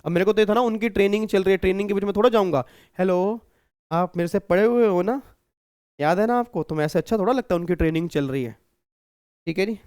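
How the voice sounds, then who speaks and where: Chatty high-voiced male teacher. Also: quick pace, darkish tone, clear, resonant tone, no room sound, studio quality. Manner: chatty, repeats himself, keeps checking with students. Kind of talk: recorded exam-prep lecture.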